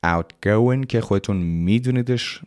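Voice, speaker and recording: A man teaching English vocabulary in a casual lesson. He reads English sentences slowly, spells words out letter by letter and explains them in plain, chatty talk. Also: lowish voice, a little mellow.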